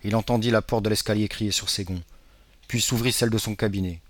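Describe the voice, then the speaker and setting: A man narrating a classic novel as an audiobook, in a measured, dramatic reading. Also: fairly low pitch, fairly even intonation, fairly bright tone, no room sound.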